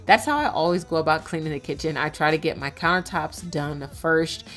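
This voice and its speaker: A woman's voice: sits low, animated, a little fast, a bit bright, faint music behind. A woman in her thirties, a mother, narrating a home vlog in a chatty, casual way with many filler words. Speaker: vlogger, mother.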